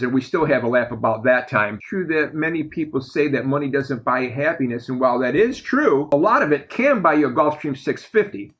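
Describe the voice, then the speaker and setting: Straight-talking trader guy, mid-pitched voice, blunt and candid, laughs at his own stories. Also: a bit bright. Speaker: trader and trading mentor. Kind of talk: first-person storytelling monologue.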